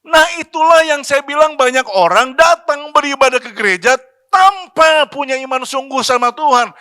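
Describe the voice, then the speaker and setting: A man's voice: very high voice, moderate pace, bright, forceful tone, dry recording, clean studio sound. A man preaching a sermon as pastor, talking in a chatty, slangy way and asking the congregation questions. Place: church.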